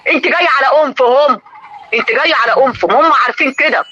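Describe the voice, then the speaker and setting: An older Egyptian woman rants at high speed on a live stream, scolding and indignant. Her voice is sharp and very bright. The sound is dull and lo-fi, as if it comes through a phone. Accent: Egyptian Arabic. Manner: indignant, scolding, rapid-fire. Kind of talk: heated live-stream talk to viewers and a caller.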